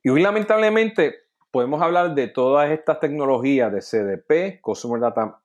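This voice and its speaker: A man's voice: medium pitch, animated, moderate pace, dull audio. A man giving an explanatory talk on data quality, checking in with listeners by tagging sentences with "ok?" and "no?" and restarting words as he goes.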